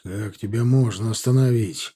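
A man's voice: fairly low pitch, normal speed, warm tone, slightly rough. A man voicing an exasperated grown son arguing with his mother, in an audiobook. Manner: irritated, pleading. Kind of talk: audiobook character voice.

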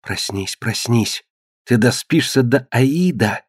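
A man's voice: medium pitch, a little slow, darkish tone, no echo, studio quality, natural voice. A man reading the lines of a fierce young slave girl in an audiobook, urgent and defiant. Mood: urgent whisper.

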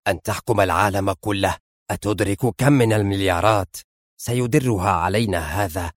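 A man's voice: deep voice, brisk, no echo, clean studio sound, pitched below the performer's own voice, close to an everyday voice. A man voicing a ruthless male intelligence chief who speaks sternly and fiercely.

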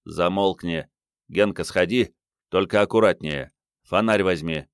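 A man reading a curt, gruff squad leader. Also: deep voice, measured pace, no echo, clean studio sound.

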